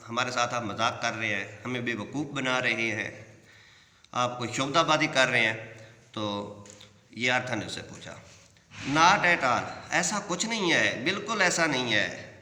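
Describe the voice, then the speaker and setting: A man teaching English by translating a story line by line. He reads each English line slowly, then explains it at length. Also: mid-range voice, pushed and bright. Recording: echoey room with long reverb.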